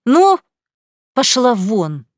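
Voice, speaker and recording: A woman's voice: fairly high pitch, sing-song, drawn-out words, dry recording, studio quality, pitched above the performer's own voice, exaggerated voice. Woman doing a sneering, spiteful rich girl. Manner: mocking, sneering, snide sing-song. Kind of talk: audiobook character reading.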